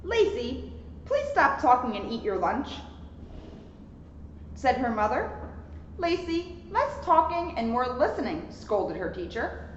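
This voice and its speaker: A young adult woman, a police officer, reads a children's storybook aloud with expression and chatty asides, her high voice swinging widely in pitch as she speaks slowly and pauses often. She's in an indoor lounge at a borough hall. The recording is echoey and reverberant, muffled, with some noise.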